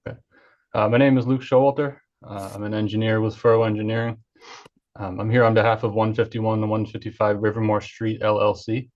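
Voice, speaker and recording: A man's voice: fairly low pitch, flat delivery, a little fast, a little mellow. Man on a dull video call. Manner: hesitant, many uh fillers. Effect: heard over an online video call. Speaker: engineer presenting a project. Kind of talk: formal project presentation at a public hearing.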